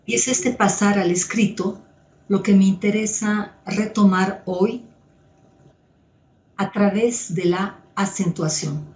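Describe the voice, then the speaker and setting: A woman psychoanalyst giving a measured, step-by-step lecture with occasional fillers. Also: medium pitch, a little mellow. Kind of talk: slow didactic lecture. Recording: echoey room.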